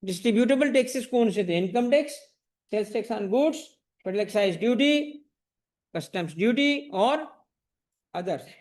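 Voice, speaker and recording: A man's voice: sits high, expressive, moderate pace, a little mellow. A man teaching an exam-prep tax class that is also streamed online. He fires questions at his students, answers them himself, calls them fondly, and repeats the key points.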